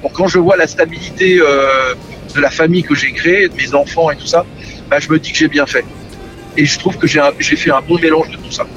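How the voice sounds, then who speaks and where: A man's voice: fairly high pitch, steady tone, a little fast, rough recording. A middle-aged man, a musician, talks about his career and family in an interview, often stumbling and repeating words. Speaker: musician guest. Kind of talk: relaxed interview talk. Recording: music playing behind the voice.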